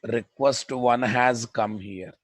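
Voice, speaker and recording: A man's voice: mid-range voice, takes it slowly, no echo. A man with a Telugu Indian accent lecturing on code as an instructor, repeating phrases and prodding students with blunt questions. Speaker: programming instructor. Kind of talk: live coding lecture to students.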